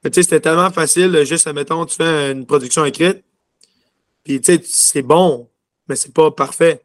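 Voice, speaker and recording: Speaking at a moderate pace in a voice on the high side, a young man from Quebec, a junior hockey player, rambles casually through an interview in his Quebec French accent, with lots of filler words. The recording is dry, studio quality.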